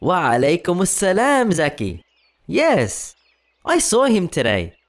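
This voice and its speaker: An actor voicing a friendly, forgetful male cartoon character in an unhurried, absent-minded manner. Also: medium pitch, wildly swooping pitch. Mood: helpful. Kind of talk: children's cartoon acting.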